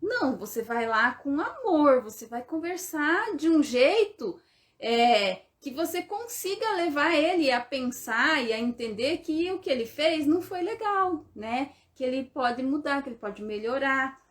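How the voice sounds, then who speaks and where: A woman's voice: high voice, lively intonation, measured pace. A woman with a Brazilian Portuguese accent, a therapist giving casual coaching talk and checking in with her listener through constant short tag questions.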